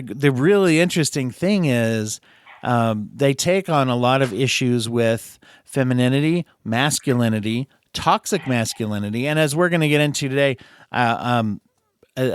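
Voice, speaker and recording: A man's voice: mid-range voice, expressive, normal speed, clean tone. A middle-aged man hosting a casual podcast discussion, chatty, laughing often and restarting his sentences. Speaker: podcast host.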